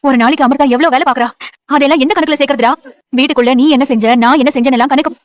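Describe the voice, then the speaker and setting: A woman's voice: high voice, steady tone, racing, no room sound, natural voice. An actress playing a loving mother who reassures and encourages her grown son in a TV serial. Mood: tender. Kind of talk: TV serial acting.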